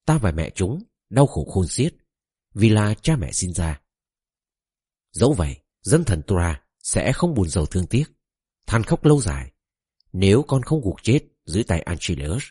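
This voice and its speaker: A man reading the lament of a grieving old king begging his son to come inside the walls, in a low, husky voice. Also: warm tone, dry recording, studio quality, heavily acted. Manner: lamenting, pleading recitation.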